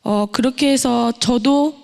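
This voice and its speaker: A woman's voice: on the high side, slow, gravelly, a little mellow. A middle-aged woman preaching a testimony sermon in a church, telling her story and posing rhetorical questions to the congregation. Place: church sanctuary. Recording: long reverb of a church hall.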